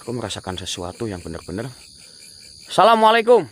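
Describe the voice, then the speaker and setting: A man hosting a ghost-hunting vlog, loudly chanting calls to spirits and then speaking in hushed asides to viewers, outdoors at night. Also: on the low side, normal speed, slight background noise. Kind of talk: night-time paranormal vlog. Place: outdoors at night among trees. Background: crickets and insects.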